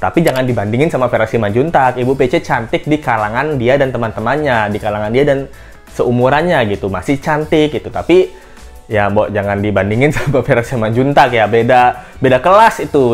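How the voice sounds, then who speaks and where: A woman hosting a casual news commentary vlog, talking in a playful, joking, teasing way. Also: very deep voice. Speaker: host.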